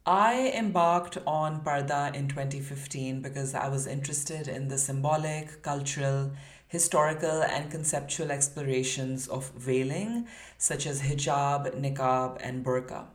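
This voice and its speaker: A woman from Pakistan, an artist and educator, explaining her work in a measured, prepared way. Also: rumbling low. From Karachi, Pakistan. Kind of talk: prepared statement. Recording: roomy echo.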